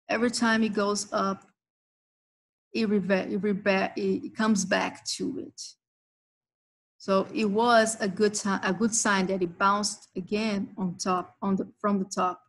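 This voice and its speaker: A woman's voice: mid-range voice, level tone, a little slow, poor audio. A woman hosting a live trading session, walking members through chart levels and price zones. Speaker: trading stream host.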